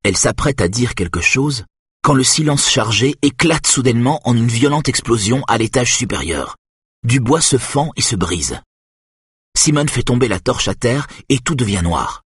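A man reading a thriller audiobook in a steady, measured narration. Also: mid-range voice, breathy edge, no room sound, studio quality.

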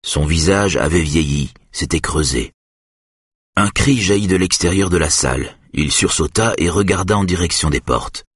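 A man narrating a novel in the first person, with a calm, measured delivery. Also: deep voice, breathy edge, dry recording, studio quality. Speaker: audiobook narrator.

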